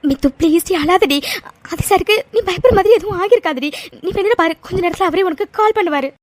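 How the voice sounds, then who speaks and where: A woman voicing a caring young woman friend in a cartoon, soft and coaxing. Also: very high voice, fast talker, voice pushed down. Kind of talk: cartoon voice acting.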